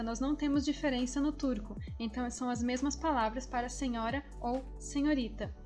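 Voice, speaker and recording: A woman teaching a language lesson, explaining steadily and then sounding out words slowly, syllable by syllable. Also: high voice, darkish tone.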